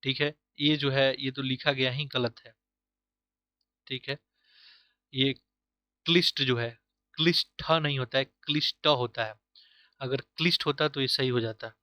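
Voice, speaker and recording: A male Hindi teacher runs an online exam-prep lesson, posing questions to himself and repeating every answer so it sticks, with English words such as "easily", "correct" and "option" mixed into the Hindi. He speaks unhurriedly in a steady, medium-pitched voice with long pauses; the sound is lo-fi with no room sound.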